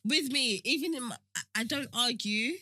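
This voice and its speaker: A woman co-hosting a podcast, telling stories in an animated, laughing way. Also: a little high, moderate pace, breathy edge, no room sound, studio quality. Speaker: podcast co-host. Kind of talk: casual chat.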